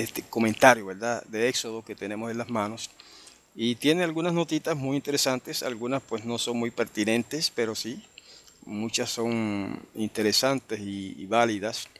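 Man, Bible teacher, mid pitch; unhurried verse-by-verse teaching, checks in with listeners often. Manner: unhurried, explanatory, with frequent tag questions.

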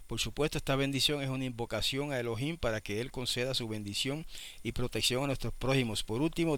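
A man's voice: medium pitch, sharp tone. A man preaching a sermon, explaining things and often asking his listeners rhetorical questions. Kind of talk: sermon teaching.

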